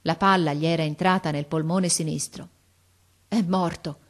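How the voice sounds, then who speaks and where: Low-voiced woman reading a story. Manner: measured, expressive reading. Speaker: narrator. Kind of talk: storybook narration.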